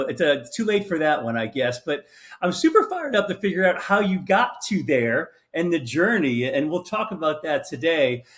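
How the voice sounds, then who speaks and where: Upbeat male podcast host. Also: on the high side. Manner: enthusiastic, with frequent "uh" fillers and restarts. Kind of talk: casual interview.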